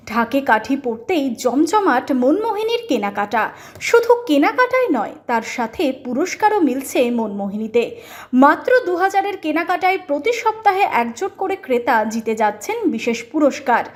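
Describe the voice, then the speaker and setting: Lady doing an emphatic promo voiceover, high voice, really swoopy intonation. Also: sing-song, moderate pace. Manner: emphatic announcer delivery listing prizes. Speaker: promotional news-style announcer. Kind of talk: scripted advertising narration.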